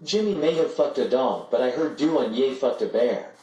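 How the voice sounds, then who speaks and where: A synthetic male text-to-speech voice reading out messages in an even, flat delivery. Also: medium pitch, moderate pace, muffled recording. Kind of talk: synthetic read-out of viewer messages. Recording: echoey room, far off, faint noise.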